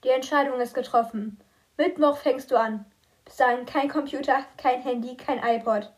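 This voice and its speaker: A woman reading a weary but firm father's lines in an audiobook, measured and steady. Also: high voice, natural voice.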